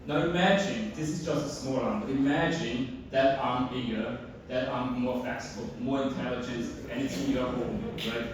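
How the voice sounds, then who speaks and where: A man giving a hackathon demo pitch, addressing the audience with rhetorical questions. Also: steady tone, normal speed. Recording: echoey hall from far off, noisy.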